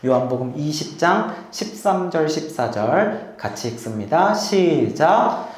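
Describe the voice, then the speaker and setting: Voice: mid-range voice, expressive, measured pace, roomy sound. A pastor preaching a sermon in a church, often putting rhetorical questions to the congregation. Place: church sanctuary.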